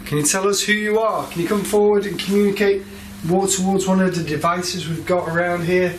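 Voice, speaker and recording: A man's voice: high voice, little pitch movement, brisk. Echoey distant recording, man, ghost hunter, calling out to spirits, background noise. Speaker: paranormal investigator. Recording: distant, echoey, noisy location sound.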